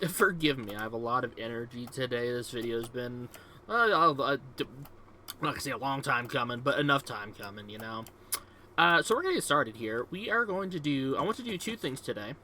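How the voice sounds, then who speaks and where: A young man chats casually over his gameplay, rambling and upbeat with plenty of fillers. His voice is bright and lively, swinging up and down in pitch. A faint hiss of ambient noise sits underneath. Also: fairly quick. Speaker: gaming video host.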